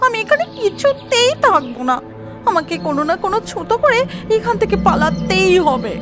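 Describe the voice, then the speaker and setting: A woman's voice: very high-pitched, sing-song, normal speed. A woman voicing a spoiled, petulant young city bride in a cartoon, whining and complaining. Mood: whiny. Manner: whiny and petulant. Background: music.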